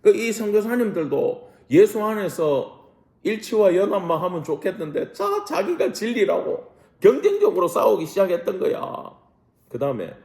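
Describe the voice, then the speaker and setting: Lively male pastor teaching Bible study. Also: fairly high pitch, echoey room. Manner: lively, asks the class rhetorical questions, mixes casual and polite speech. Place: church room.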